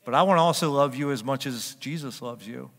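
An older man preaching a sermon as pastor, chatting and joking with his congregation, then rising to loud emphatic peaks. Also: medium pitch, a little fast, in a large hall. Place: church sanctuary.

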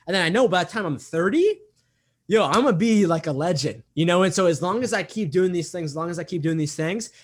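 Talking fast with lively intonation and a high voice, a twenty-something man gives an earnest, casual interview over slight background noise. He repeats himself frequently and fills silences with "um" and "like".

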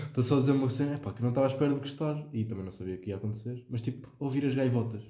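A man's voice: medium pitch, very fast, warm tone. A young man with a European Portuguese accent, raising questions in a casual chat with friends as a podcast co-host. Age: young adult. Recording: roomy, echoing room sound.

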